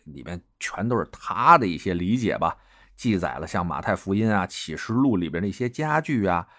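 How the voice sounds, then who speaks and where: A man's voice: low voice, big pitch swings, a little fast, bright, forceful tone. A man hosting a casual, joking history podcast, telling the story with lots of filler particles.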